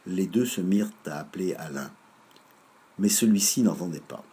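A man reading a children's story aloud in a measured, lively way. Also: deep voice, slightly rough.

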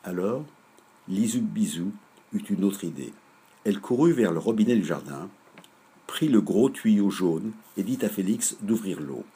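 A man reading a children's story aloud in a measured, lively way. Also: on the low side, husky.

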